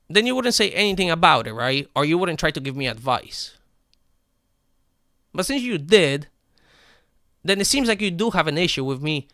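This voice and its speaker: A man livestreaming a game and ranting to his chat, profane and combative, swinging between animated outbursts and flat calm, with a habit of asking "right?". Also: fairly high pitch, creaky, dry recording, studio quality. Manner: repeats "right?" and restarts words. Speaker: live game streamer talking to chat. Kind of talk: unscripted stream rant.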